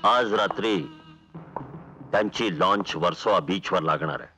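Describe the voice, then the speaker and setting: An actor playing a scheming patron who calmly gives orders and lays out a plan. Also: male voice, low-pitched, measured pace, soft background music, rough recording. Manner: calm, commanding, persuasive. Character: scheming rich man who shelters the heroes.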